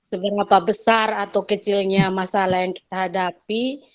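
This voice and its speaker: A woman joining an online church group for the first time, sharing her takeaway in an earnest, measured way over a video call. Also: mid-range voice, flat delivery, poor audio.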